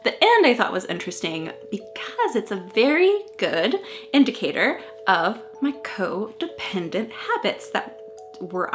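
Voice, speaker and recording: A young woman in a casual, animated, self-mocking and giggly manner, chatting and reading aloud from an old diary. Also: mid-range voice. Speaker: vlogger.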